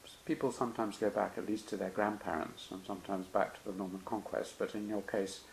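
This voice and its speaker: A man interviewing a longtime colleague, asking gentle, prompting questions with a light touch of humour. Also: lowish voice, little pitch movement, fairly quick, creaky, a little hiss or hum, rough recording.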